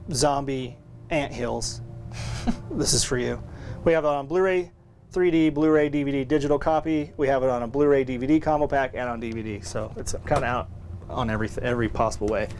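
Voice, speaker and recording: A man's voice: medium pitch, steady tone, fast, darkish tone, slight background noise. A man hosting a casual weekly store update, talking loosely about new movie releases with fillers and restarts. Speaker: record store host.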